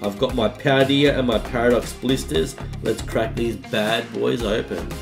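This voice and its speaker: Over music, a card-opening YouTuber hosts a laid-back pack-opening vlog in a room with colored lights, using a desk-arm studio mic. Slightly husky from a recent illness, his medium-pitched voice holds a steady tone and moves a little slowly, though he's chatty and hyping things up.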